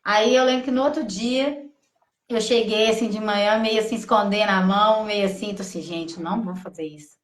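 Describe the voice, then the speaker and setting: A woman from gives an emotional personal testimony, halting and full of restarts as she quotes her own thoughts. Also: mid-range voice, steady tone. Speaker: testimony guest. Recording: echoey room.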